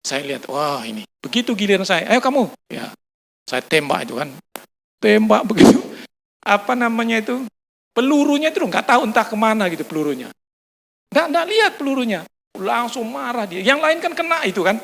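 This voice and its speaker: In a restaurant used for a Sunday service, a pastor with an Indonesian accent preaches a sermon, telling a personal story with frequent fillers and acting out other people's dialogue. His high-pitched, fairly bright voice swings widely in pitch, runs a little fast, and has a creaky quality.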